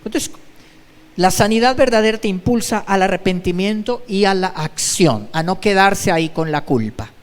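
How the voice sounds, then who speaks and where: A man's voice: high voice, expressive, moderate pace, in a large hall. A male pastor giving an emphatic sermon, repeating his exhortations. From Colombia. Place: church.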